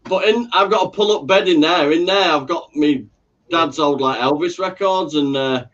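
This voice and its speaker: A man's voice: on the high side, normal speed, a bit bright. A man in casual live-stream banter. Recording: slightly dull, muffled sound.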